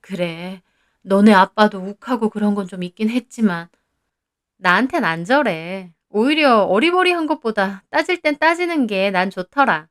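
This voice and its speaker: A woman voicing a calm, forgiving middle-aged mother who speaks mildly. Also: mid-range voice, moderate pace, close to an everyday voice. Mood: easygoing.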